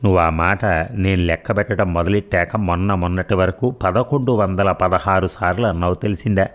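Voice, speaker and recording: A teasing, affectionate young woman who has just had her first baby, as a deep-voiced male narrator reads her lines, playful with her mother one moment and tender the next. The voice sits low for the part, with no attempt to sound girlish. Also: fairly even intonation, brisk, close to an everyday voice.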